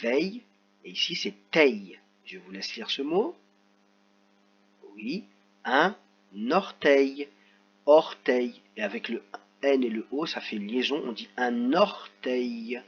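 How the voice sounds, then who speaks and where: Slow, lively man teaching children to read. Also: mid-range voice, slight background noise. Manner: slow, drawn-out words, sounding out letters. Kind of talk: reading lesson for children. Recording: slightly dull lo-fi sound.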